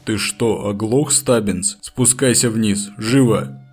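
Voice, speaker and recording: A man voicing a gruff old ship captain who shouts his orders up the rigging in a read-aloud story. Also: mid-range voice, normal speed, close to an everyday voice. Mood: shouting.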